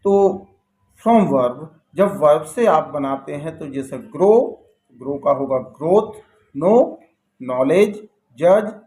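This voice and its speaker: A man's voice: on the high side, expressive, mellow, a little hiss or hum. Man teaching grammar in an echoey room. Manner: explains step by step, reads English lines slowly then repeats them. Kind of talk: classroom-style grammar lesson.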